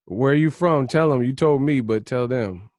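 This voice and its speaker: A man's voice: medium pitch, normal speed, darkish tone, no echo. Slangy man hosting a video call. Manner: joking, teasing, slangy. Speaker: host. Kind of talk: casual group video call.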